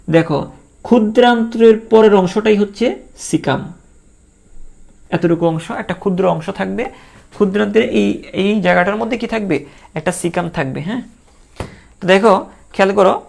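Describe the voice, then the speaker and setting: A man's voice: high voice, vocal fry. A man teaching a biology lesson, repeating key terms and asking and answering his own questions. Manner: voices imagined student questions. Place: recorded for an online lecture.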